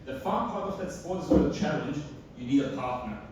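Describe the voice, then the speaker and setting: A man giving a hackathon demo pitch, addressing the audience with rhetorical questions. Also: expressive, a little fast, a little mellow. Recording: echoey hall from far off, noisy.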